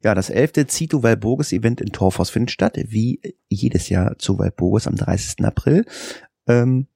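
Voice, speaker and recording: A man from Germany hosting a casual podcast, talking quickly and tripping over his words. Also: on the low side, creaky, mellow, husky, no echo, clean studio sound. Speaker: podcast host.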